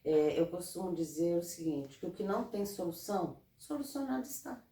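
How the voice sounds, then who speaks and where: A woman from Brazil, a guest in an interview, giving earnest, animated advice in casual talk. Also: fairly low pitch, moderate pace. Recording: roomy, from a distance off mic.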